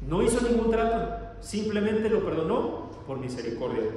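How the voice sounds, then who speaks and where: A man's voice: sits high, very animated, normal speed, dark tone, a little hiss or hum. A man preaching a sermon, reading verses aloud and asking the congregation questions as he explains them. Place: church hall. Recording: echoey church hall, distant mic.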